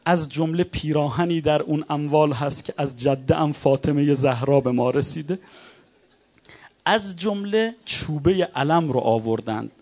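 A male preacher tells a sacred story as a sermon, his voice sitting a little high for a man. He chants the quotations first and then retells them in plain speech, growing louder and higher as the drama builds.

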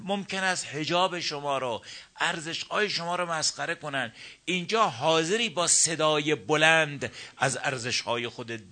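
A male preacher delivers a sermon with a bright, forceful voice. He is earnest and exhorting, swelling louder on key points. He slows into chanted verse at times. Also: mid-range voice. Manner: earnest, exhorting, rises for emphasis; chants Arabic verse slowly and loudly. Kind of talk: religious sermon.

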